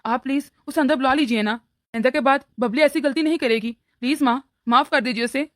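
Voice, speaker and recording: A woman's voice: sits high, fairly quick, no echo, clean studio sound, natural voice. A woman voicing a young husband in a cartoon story who placates his mother and lectures his wife. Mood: placating.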